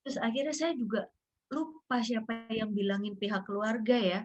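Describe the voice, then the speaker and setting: A woman's voice: fairly even intonation, moderate pace, lo-fi sound. Earnest woman telling a painful story. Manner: earnest, acts out quoted dialogue with rising pitch. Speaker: guest sharing a personal story. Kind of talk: emotional personal storytelling.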